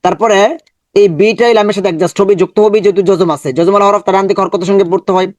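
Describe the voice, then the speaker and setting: A man's voice: high-pitched, steady tone, rapid-fire, a little mellow, no echo, dull audio. A man teaching a Quran recitation lesson, explaining rules patiently and repeating syllables aloud for practice, with a Bangladeshi Bengali accent. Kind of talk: step-by-step online lesson.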